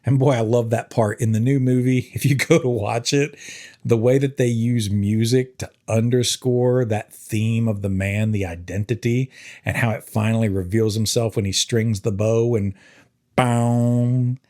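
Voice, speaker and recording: An earnest, animated man teaching English. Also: normal speed. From Tennessee. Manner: earnest, animated, with big swings in pitch for emphasis. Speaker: high school English teacher. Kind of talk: reflective teaching podcast monologue.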